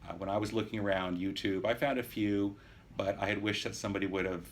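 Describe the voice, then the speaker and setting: Low-voiced man in his fifties, noisy room. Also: fairly even intonation, fast. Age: early 50s. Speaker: patient sharing his surgery experience. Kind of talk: casual video diary, explanatory. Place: private hospital room.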